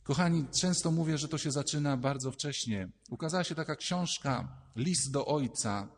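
A man, a priest, giving a lively, conversational sermon and acting out little inner voices as he speaks. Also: fairly high pitch, normal speed, breathy edge, big-room sound.

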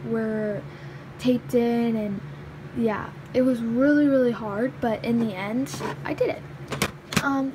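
A woman's voice: fairly high pitch, steady tone, takes it slowly. A young woman chatting casually as she shows off the pieces of a toy vet clinic playset, with lots of fillers like "like" and "um". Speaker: toy unboxing vlogger. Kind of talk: casual unboxing show-and-tell. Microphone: handheld phone camera, speaker off screen. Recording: audible background noise.

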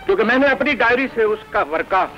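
An actor playing a wisecracking comic student friend who talks in a joking, teasing way, in 1980 film dialogue on an old film soundtrack with music. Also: male voice, very high voice, expressive, pushed and bright, dull audio, heavily acted.

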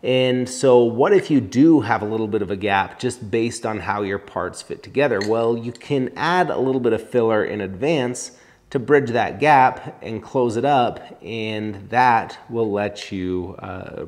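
A man in his thirties teaching welding to camera, explaining each step in a practical, calm way from a small indoor shop. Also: on the low side, unhurried. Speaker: welding instructor. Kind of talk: instructional talk to camera.

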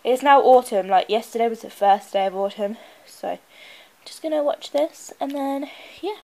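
Vlogging from her bedroom with a handheld camera close up, a young woman with a cold talks in a chatty, anxious way. Her voice sits on the high side, a little mellow, at a moderate pace.

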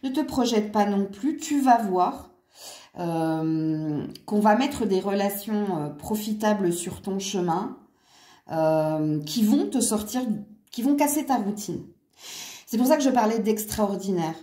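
A woman's voice: medium pitch, animated, a little slow, dark tone, roomy sound. A woman doing a casual angel card reading, chatty with many fillers and small laughs. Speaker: card reader.

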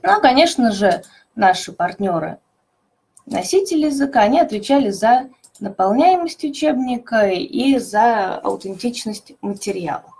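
Woman, breathy voice, webinar presenter, explanatory, stresses key words. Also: on the high side, expressive, moderate pace, darkish tone. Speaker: publisher's teaching methodologist presenting a webinar.

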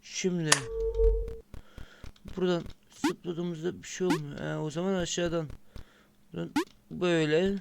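A man's voice: a little high, steady tone, measured pace, gravelly, long pauses, heavy background noise. A man giving let's-play commentary on a close-up microphone, muttering along as he plays and bursting out cursing when the game frustrates him. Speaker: gaming channel host. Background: loud game music.

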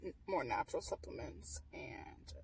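A woman's voice: a bass voice, sing-song, normal speed, creaky, a little mellow, slightly rough, whispered, distant mic, rough recording. Tired young woman chatting in a car. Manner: candid, matter-of-fact, many fillers. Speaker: vlogger. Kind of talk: casual chat. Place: parked car at night. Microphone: camera on dashboard. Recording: voice a little off-mic in car.

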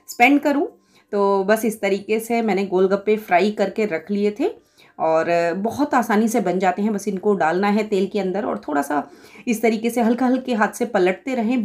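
A cooking vlogger from India, a woman in her forties with a mid-range, darkish voice, walks through a home recipe step by step. Her voice-over is chatty and sprinkled with small fillers.

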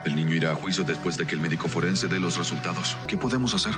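A man's voice: low-pitched, quick pace, loud music behind the voice, natural voice. A man with a Latin American Spanish accent dubbing a stern, hot-tempered police commissioner in a TV drama, heated and insistent. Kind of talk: dubbed TV drama. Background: loud dramatic score.

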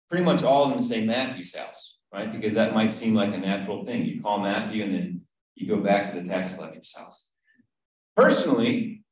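Conversational man teaching Bible study. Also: fairly low pitch. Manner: conversational, asks the group questions, frequent "right?". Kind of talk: casual Bible study teaching on a video call. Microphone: video call. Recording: very echoey room.

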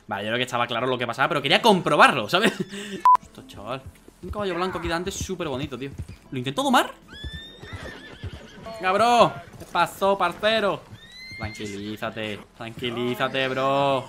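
A man with a Spain Spanish accent giving jokey, excitable gameplay commentary and breaking into shouts. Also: on the high side, fast talker, noisy background. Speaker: gaming YouTuber. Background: game music.

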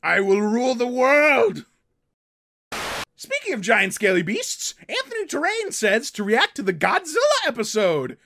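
A performer voicing an excitable cartoon man who rambles and yelps in alarm while reacting to his own cartoon episodes. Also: mid-range voice, a little slow, vocal fry, slight background noise, exaggerated voice. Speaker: reacting host character. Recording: loud music playing underneath.

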